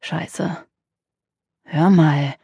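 A woman narrator voicing a cocky, aroused young man in an audiobook, hushed and croaking. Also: low-pitched, steady tone, drawn-out words, dry recording, highs cut off, voice pushed down, heavily acted. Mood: alarmed. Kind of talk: audiobook character voice.

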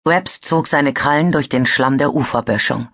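A woman's voice: rumbling low, normal speed, fairly bright tone. Woman narrating a fantasy audiobook. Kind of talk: scripted narration.

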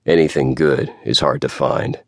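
A man's voice: a bass voice, fairly even intonation, moderate pace, creaky, no room sound, clean studio sound, heavily acted. A man voicing a curt, cold young businessman who speaks in clipped, commanding lines. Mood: dry.

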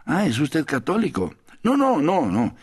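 A small, jittery stranger who dodges every question, as a male narrator puts him on in an audiobook. The voice sits higher than a normal speaking tone, hesitant and stammering, with a husky edge. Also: wildly swooping pitch, unhurried, darkish tone, heavily acted. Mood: flustered denial. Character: small nervous evasive man, a furtive stranger. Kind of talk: audiobook character voice.

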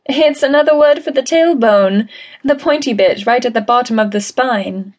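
A woman's voice: a little high, normal speed, voice pushed up, lightly acted. A woman voicing a wealthy female guest who speaks in a slightly shaky, persuasive way. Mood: coaxing.

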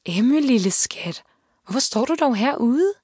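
A caring, worried mother, as a woman reads her in an audiobook, asking gentle, concerned questions. The voice stays close to the reader's own and sounds dry and near. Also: a little high, lively intonation, husky, no room sound, voice pushed up. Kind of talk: audiobook character voice.

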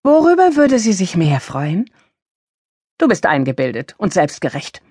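A woman reading an audiobook, voicing a strict, sharp-tongued young mother who scolds. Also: on the low side, wildly swooping pitch, measured pace, husky, dry recording, clean studio sound, full character voice. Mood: angry.

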